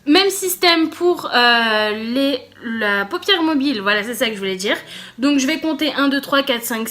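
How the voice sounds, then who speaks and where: A woman beauty vlogger chatting casually through a makeup challenge, bubbly and easily excited as she talks to her viewers. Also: high voice.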